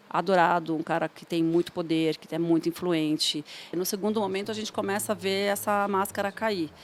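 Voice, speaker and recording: Woman explaining thoughtfully, faint hiss. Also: fairly low pitch. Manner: reflective, measured, with hesitant restarts. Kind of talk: behind-the-scenes interview.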